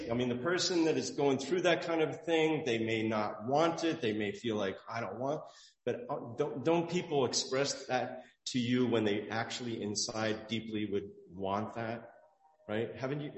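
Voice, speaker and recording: A man preaching a sermon as pastor, in an earnest, conversational way, often restarting his phrases. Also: medium pitch. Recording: roomy hall with long echo.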